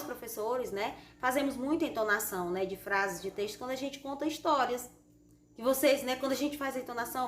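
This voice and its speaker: Expressive Brazilian teacher in an echoey room. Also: female voice, on the high side. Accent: Brazilian Portuguese. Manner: explains patiently, reads examples with strong expressive intonation. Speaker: primary school teacher. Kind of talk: recorded remote class lesson. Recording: echoey room with faint background noise.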